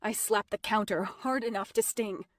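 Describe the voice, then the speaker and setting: A woman narrating a first-person novel in a measured, even way on a close studio mic. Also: mid-range voice, dry recording. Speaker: audiobook narrator.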